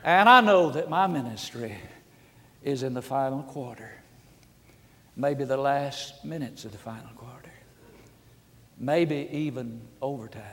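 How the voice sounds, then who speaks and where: A man, preaching a folksy storytelling sermon that swings from hushed asides to loud shouts. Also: mid-range voice. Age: 70s. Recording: reverberant hall.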